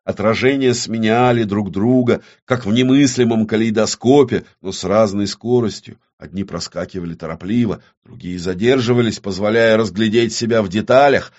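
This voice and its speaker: A man narrating a fantasy audiobook in a fairly low, grave voice. His reading is measured and dramatic. The recording has a slightly dull, lo-fi sound. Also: darkish tone.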